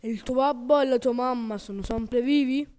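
A big, bearded puppet master with a rattly, booming voice, as a woman reads him aloud. He blusters and barks orders, pitched up high and loud, and a long hall reverb trails every line of this storybook recording. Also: moderate pace, clear, resonant tone, lightly acted. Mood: blustering. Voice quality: rattly, booming, sneezing fits. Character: gruff bearded male puppet master, soft-hearted. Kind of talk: audiobook character voice.

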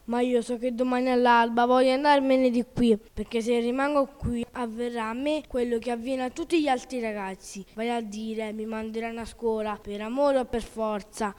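A woman's voice: a little high, fairly even intonation, normal speed, few pauses, a little mellow, clear, resonant tone, in a large hall, lightly acted. A woman reading an audiobook, voicing a rude, impertinent young wooden puppet boy who snaps back. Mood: defiant. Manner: impertinent, snappish.

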